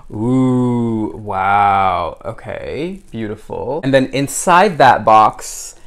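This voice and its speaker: A man unboxing a collector doll on his vlog, his voice swooping high and low as he gushes and gasps over every detail. He takes his time and lingers on the words, then breaks into excited squeals. He chats straight to his viewers as if they were friends. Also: extremely slow. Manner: gushing, exclamatory, frequent gasps and squeals; chatty, addresses the viewers and the doll designer directly. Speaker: doll reviewer.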